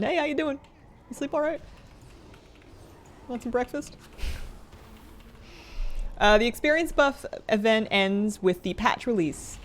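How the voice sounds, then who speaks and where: Playful woman streamer with lively pitch. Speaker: game livestreamer. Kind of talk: casual livestream chat with viewers while gaming.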